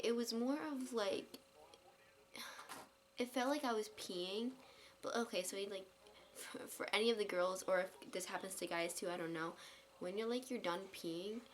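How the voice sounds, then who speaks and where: A young woman vlogger telling a casual story at home late at night, talking softly and quietly, with many ums and likes. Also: mid-range voice, a little hiss or hum. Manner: soft hushed talk, many fillers and restarts. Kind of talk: casual story-time vlog.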